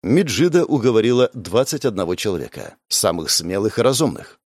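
A man narrating an audiobook in an expressive, measured way. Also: lowish voice, dry recording, clean studio sound. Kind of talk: scripted narration.

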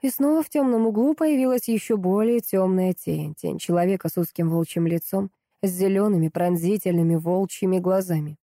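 A woman narrating an audiobook in a measured, expressive storytelling manner. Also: on the low side, no room sound, studio quality.

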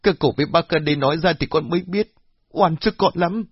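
A man's voice: on the high side, fairly quick, husky, dry recording, voice pushed up. A man doing a tearful, pleading young village woman. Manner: pleading, tearful, swearing her innocence. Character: distressed young village woman, daughter of the deceased. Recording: dull lo-fi.

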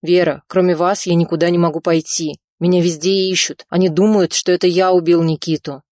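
A woman's voice: lowish voice, level tone, fairly quick, no echo, clean studio sound, lightly acted. A woman reading the part of a frightened Georgian man on the run, speaking tensely and insistently. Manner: tense, insistent, shouting on the phone.

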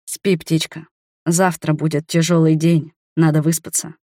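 A woman voicing a gentle, shy wanderer man who talks softly and tenderly to his beloved in an audiobook. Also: fairly high pitch, flat delivery, a little slow, dry recording, clean studio sound. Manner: soft, tender and reassuring. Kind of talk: audiobook character voice.

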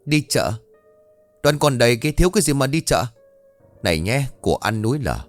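A man voicing a bossy, spiteful old mother-in-law who shouts and hisses insults at her daughter-in-law. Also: mid-range voice, very animated, a little fast, no echo, faint music behind, pitched above the performer's own voice, natural voice. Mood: scolding. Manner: harsh, shouting, hissing insults.

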